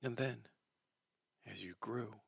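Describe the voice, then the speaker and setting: A meditation teacher guides a session in a soft, breathy, gentle mid-range voice. He takes his time, leaving long pauses between short phrases, and there's no echo.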